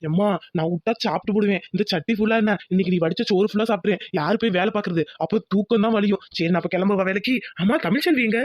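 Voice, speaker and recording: A woman voicing a young village man in a cartoon, a hungry, doting son and caring husband who talks fast, pleading and teasing. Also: mid-range voice, no echo, muffled recording, lightly acted. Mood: pleading, greedy. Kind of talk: Tamil cartoon voice acting.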